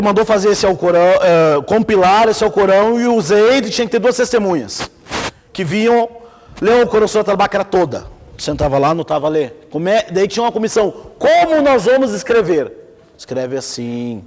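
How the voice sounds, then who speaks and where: A Brazilian-accented man with a high voice speaks at a moderate pace, his words carrying a big-room sound. His informal talk on Islamic theology is lively storytelling, punctuated by questions to the class.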